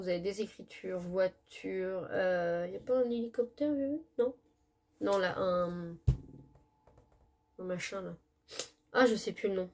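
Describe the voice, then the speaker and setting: Woman vlogger, casual craft haul, chatty and self-correcting, average pitch, slight background noise. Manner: chatty, loses her words, self-correcting.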